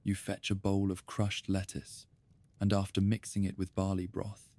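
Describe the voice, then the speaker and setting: A man narrates a bedtime history story at normal speed, his voice sitting low and his manner calm, soft, and even. He addresses the listener as "you," and the audio is echo-free.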